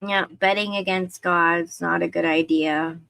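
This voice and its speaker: Woman streamer, slow rambling delivery, some vocal fry, dry close sound. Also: fairly low pitch, fairly even intonation, a bit bright, no echo. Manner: rambling, conversational, with many fillers. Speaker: livestream host. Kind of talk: casual livestream chat.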